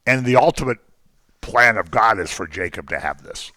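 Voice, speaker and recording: Deep-voiced man teaching a Bible class. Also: expressive, moderate pace, pushed and bright, no room sound. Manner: conversational, jokey asides, frequent ums. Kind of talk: informal Bible class lecture.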